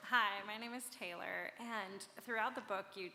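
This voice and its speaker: Bright-voiced woman asking from the audience. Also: medium pitch, moderate pace, vocal fry, a faint crowd. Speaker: audience member asking a question. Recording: roomy hall with faint room noise.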